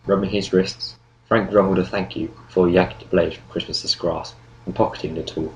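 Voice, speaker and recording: Deep gravelly male audiobook narrator. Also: steady tone, moderate pace, highs cut off. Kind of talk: scripted narration.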